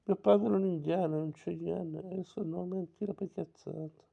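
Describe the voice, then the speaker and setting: A man's voice: high voice, steady tone, moderate pace, vocal fry, lo-fi sound, exaggerated voice. A man voicing a plain-spoken young man raised among a native tribe, earnest and simple in speech.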